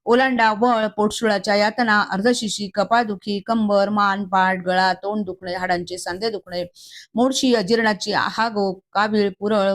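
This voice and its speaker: A woman reading a devotional text aloud, moving steadily through a long list with small slips and restarts. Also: medium pitch. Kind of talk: reading a Marathi scripture commentary aloud.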